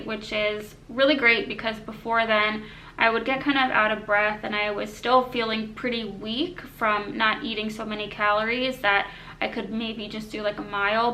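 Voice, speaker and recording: A woman's voice: fairly high pitch, sharp tone, slight background noise, low-quality recording. A woman vlogger giving a casual, matter-of-fact personal health update, her speech slightly constricted by braces and rubber bands.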